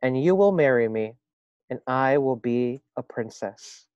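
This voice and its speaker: A man's voice: mid-range voice, lively intonation, a little slow, darkish tone, clear, resonant tone, no echo, dull audio, natural voice. A man reading a picture book aloud, voicing an eager, insistent little girl who wants to kiss a frog. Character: bold little girl wanting a prince.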